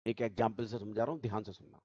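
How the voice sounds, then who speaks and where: A man's voice: on the low side, steady tone, racing, a little mellow, no echo, highs cut off. A male teacher giving an online tax class, explaining step by step and repeating the key points. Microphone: video call.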